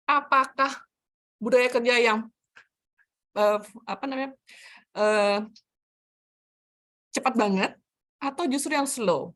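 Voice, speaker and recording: A woman's voice: on the high side, takes it slowly, long pauses, a bit bright. A middle-aged woman giving a chatty, anecdote-filled career talk over a video call. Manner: chatty, anecdotal, laughs between stories. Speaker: HR trainer, session speaker.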